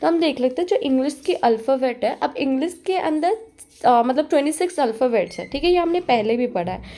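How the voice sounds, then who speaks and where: A young woman tutor explaining a lesson in Hindi, mixing in English terms and often checking in with a quick "okay". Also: high voice, dark tone. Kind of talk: explanatory exam-prep lesson.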